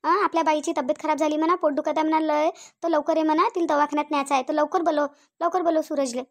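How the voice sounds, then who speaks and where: A woman voicing a very high-pitched, nagging village mother. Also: flat delivery, fast. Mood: scolding. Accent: Varhadi Marathi. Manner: repetitive, nagging, tag questions. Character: fussy middle-aged village mother, scolding then soothing.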